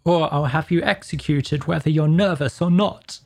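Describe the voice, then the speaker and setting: Woman acting bossy male king, gravelly, slow, sharp and threatening, storybook judge. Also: fairly low pitch, animated, heavily acted. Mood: angry, threatening. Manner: sharp, imperious, emphatic.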